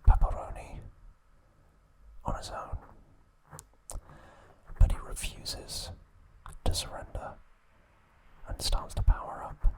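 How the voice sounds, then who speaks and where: An ASMR host recaps something in a slow, breathy, fully unvoiced whisper, stretching each phrase out. Now and then he stumbles over or mispronounces unusual names, quietly correcting himself before continuing, and the audio quality is poor.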